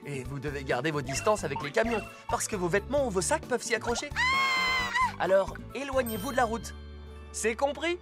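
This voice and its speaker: A man voicing an earnest young male robot police car who leads rescues and explains clearly, in a French children's cartoon dub. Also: high-pitched, expressive, brisk, loud music behind the voice. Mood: instructive, firm.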